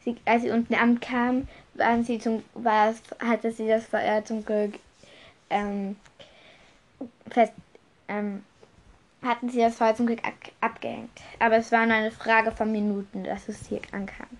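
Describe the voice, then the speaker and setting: Halting woman improvising a story. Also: fairly high pitch, flat delivery. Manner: halting, self-correcting.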